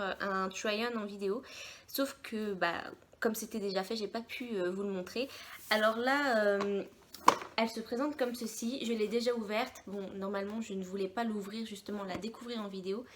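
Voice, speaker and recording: Chatty woman unboxing beauty products. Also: medium pitch. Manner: chatty, meandering, thinking aloud. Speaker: beauty vlogger. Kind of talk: casual unboxing chat.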